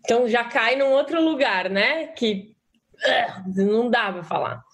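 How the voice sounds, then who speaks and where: A woman's voice: a little high, lively intonation, a little slow, a bit bright, slightly rough. A woman talking in a casual panel discussion, reflective and explaining ideas through spoken examples.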